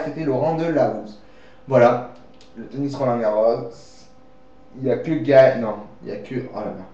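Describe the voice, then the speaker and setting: A man reads out a mock news bulletin in a mellow, unhurried voice, rambling and joking as he stumbles over times and facts. The sound is dull and boomy, caught by a webcam in an echoey room at home. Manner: rambling, joking, often correcting himself.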